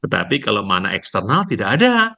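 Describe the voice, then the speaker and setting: A male university lecturer giving an online lecture, explaining slowly and tagging nearly every phrase with a questioning "ya". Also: fairly low pitch, wildly swooping pitch, gravelly, pushed and bright. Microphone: video call. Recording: dull lo-fi online call audio.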